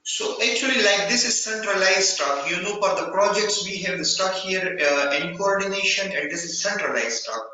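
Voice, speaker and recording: Brief: man with a high, bright voice coming through a laggy call link, far off the mic in a very echoey room. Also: animated, moderate pace, hardly any pauses. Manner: hesitant, many fillers. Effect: laggy, delayed remote call connection. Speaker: meeting participant asking a question. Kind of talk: halting question on a video call.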